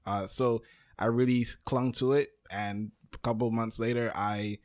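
A man's voice: mid-range voice, steady tone, a little slow. A man from Brooklyn, a podcast network founder, talking loosely as an interview guest with lots of "um" and "you know". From Brooklyn, New York, USA. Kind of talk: casual interview talk.

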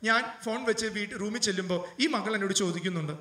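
High bright-voiced preacher in an echoey room. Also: male voice, very fast, recorded from a distance. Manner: emotional preaching, rising to loud fervent appeals. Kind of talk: sermon storytelling.

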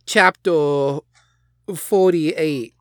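A man's voice: fairly high pitch, extremely slow, a bit bright. A man co-hosting a podcast in casual chat, playful and giggly, laughing often. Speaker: podcast co-host.

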